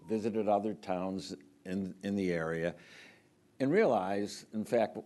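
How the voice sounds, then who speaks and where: An older man with a lowish voice addresses a city council during public comment. He speaks without a script, pausing often with ums and restarting his sentences. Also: dark tone. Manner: halting, many ums and restarts. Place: city council meeting room.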